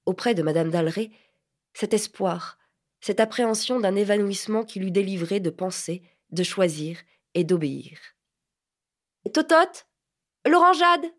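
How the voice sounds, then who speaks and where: A woman narrating a classic French novel as an audiobook in a measured, expressive reading. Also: mid-range voice.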